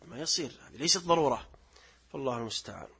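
A middle-aged man giving a religious lesson, explaining verses, reciting them slowly and quizzing his listeners. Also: mid-range voice, animated, vocal fry, pushed and bright, breathy edge. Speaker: sheikh teaching Quran commentary.

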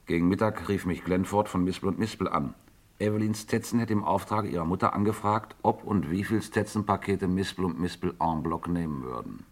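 In a vintage German radio crime play, a male actor voices the cool, efficient aide to a scheming financier. His deep voice moves a little fast, dry and precise, with a crisp reporting mood.

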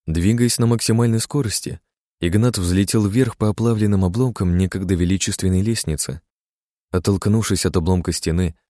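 A man narrating a fantasy audiobook in a deep, mellow voice. His reading is steady and dramatic. The sound is dry, with no room around it. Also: no room sound.

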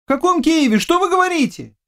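A man reading an audiobook voices a frantic young male servant in a shrill, panicky, rushed voice. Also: expressive, fairly bright tone, exaggerated voice. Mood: bewildered. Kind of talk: audiobook character voice.

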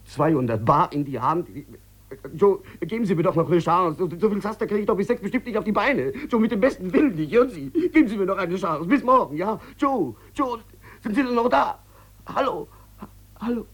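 A feverish, husky broke gambler. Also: male voice, high voice, animated, fairly quick. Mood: feverish pleading. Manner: pleading, stammering on the phone. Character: desperate broke male gambler, sick and in debt. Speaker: lead character in a radio drama. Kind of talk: 1950s radio play acting.

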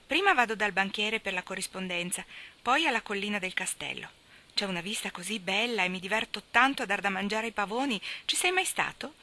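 A woman reading aloud and voicing a lively, eager young woman who speaks in bright, excited exclamations. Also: mid-range voice, a little fast.

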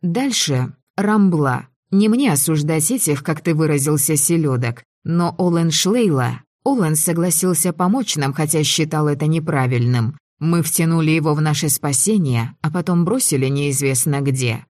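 A woman reading a first-person audiobook, expressive and lively in the dialogue. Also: deep voice, normal speed, hardly any pauses, no room sound, clean studio sound. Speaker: audiobook narrator.

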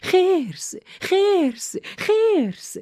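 A woman voicing a terrified young woman stranded alone on arctic ice, pleading and shouting in panic. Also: extremely high pitch, very animated, no echo, clean studio sound, voice pushed up.

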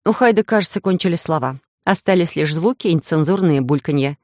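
A woman narrating a first-person romantic audiobook in a lively, ironic way. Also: sits low, fairly quick, no room sound, studio quality. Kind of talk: scripted narration.

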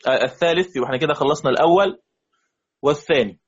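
A man's voice: on the high side, husky. Egyptian man teaching, dull lo-fi sound. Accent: Egyptian Arabic. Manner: drills examples slowly, checks students often. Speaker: Quran recitation teacher. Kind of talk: classroom lesson.

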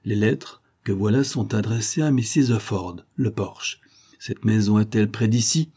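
A man reading the part of a cornered, defiant gentleman in an audiobook, speaking firmly and urgently. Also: fairly low pitch, a little slow, breathy edge. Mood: probing. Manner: firm, urgent, indignant.

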